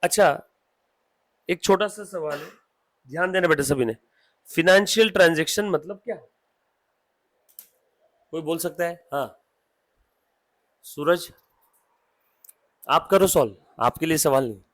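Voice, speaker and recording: A man's voice: on the high side, fairly bright tone. A man from India teaching accountancy in a classroom, mixing Hindi and English and often asking his students questions. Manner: dictates notes slowly. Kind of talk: classroom lecture.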